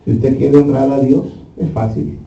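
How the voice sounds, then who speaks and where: A male pastor preaching a sermon, questioning the congregation and acting out quoted lines with shouted peaks. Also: medium pitch, steady tone, normal speed. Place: church. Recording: roomy, distant, dull church recording.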